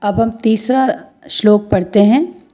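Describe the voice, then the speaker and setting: A woman teaching Sanskrit verse recitation, patiently chanting each line slowly and then explaining pronunciation. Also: medium pitch, warm tone, soft background music. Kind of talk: slow instructional recitation.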